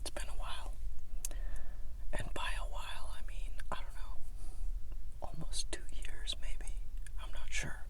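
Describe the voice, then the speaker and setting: Whispering young woman in a closet. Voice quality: whispered, breathy. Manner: candid, hesitant, unhurried. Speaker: ASMR video creator. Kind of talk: ASMR whispered personal vlog. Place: small home closet, quiet and sound-muffled.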